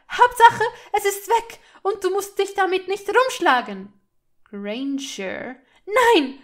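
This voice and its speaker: A woman reading a fan audiobook voices a furious young woman whose indignation breaks into high, strained shouting. Every word is hurled out loud and shrill, the pitch climbing well above a normal speaking voice. She takes her time, with each accusation slow and deliberate.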